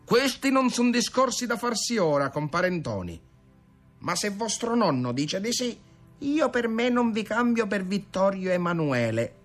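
A shrill, fierce village mother, put on by a male reader, her voice pushed far above his own and strained in a new timbre. She shrieks indignantly and rushes nothing. Heard in a storybook reading with faint music behind. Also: sing-song, fairly bright tone, exaggerated voice. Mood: firm.

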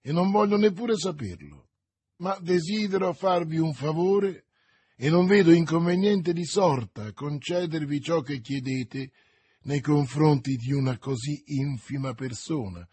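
A cold, calculating cardinal, as a male reader plays him, speaking in a measured, authoritative way at an unhurried pace. The voice is husky and dry, recorded up close. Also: on the high side, a little mellow, no room sound, pitched above the performer's own voice. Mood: commanding. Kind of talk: audiobook character reading.

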